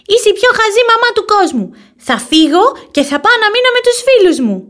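A woman voicing a stubborn young boy bunny in a storybook reading, shrill and whiny. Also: big pitch swings, a bit bright, full character voice. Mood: angry.

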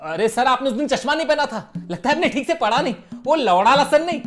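A cheeky schoolboy, lively sing-song voice, sketch music faint behind. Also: female voice, sits high, fast. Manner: cheeky, cheerful back-talk. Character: cheeky mischievous schoolboy talking back.

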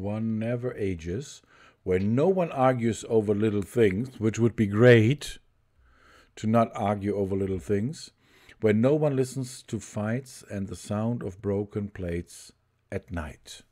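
A man's voice: lowish voice, mellow. A man with a German accent streaming a game, reading its text aloud and commenting, chuckling and correcting his own slips. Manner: slow reader who chuckles and corrects himself. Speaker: let's play streamer.

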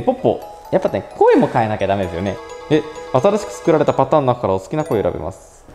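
A young man talks quickly through a phone app demonstration, thinking aloud as he narrates each step. His voice is mellow and lively, and it rings in an echoey room over faint music. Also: fairly low pitch. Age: young adult. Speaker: presenter of a robot pet channel.

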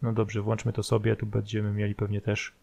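A man giving casual, somewhat halting commentary as he walks through a screen tutorial. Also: lowish voice, monotone, gravelly, warm tone, lo-fi sound. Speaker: flight simulator video host. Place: voice-over recorded over screen capture.

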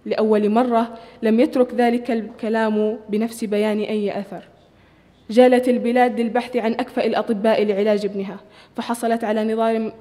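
A woman with a mellow, soft-toned voice reads her short story aloud, measured and expressive. Her voice carries the long reverb of a large hotel hall, heard as a live reading at a literary evening. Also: on the high side. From Saudi Arabia.

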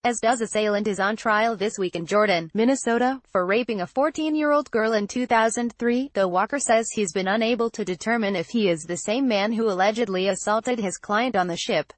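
A woman narrating a news report in a steady, scripted read. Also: medium pitch, fairly quick, few pauses, dry recording.

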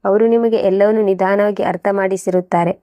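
A woman's voice: medium pitch, fairly even intonation, fairly quick, highs cut off, close to an everyday voice. A woman voicing a scheming young daughter-in-law in a storybook reading. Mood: mock sweet.

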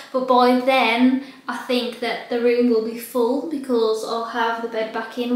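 A young adult British woman chatting casually and informally to camera as a vlogger, rambling along in an empty, echoing bedroom. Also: fairly high pitch. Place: small empty bedroom with bare walls and wood floor, indoors. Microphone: camera mic at about arm's length or more. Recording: very echoey empty room.

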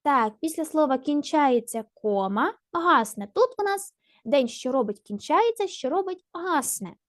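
A woman's voice: high-pitched, big pitch swings, measured pace, no room sound, studio quality. A woman teacher giving a primary school language lesson, patient and encouraging, asking questions and answering them herself. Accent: Ukrainian.

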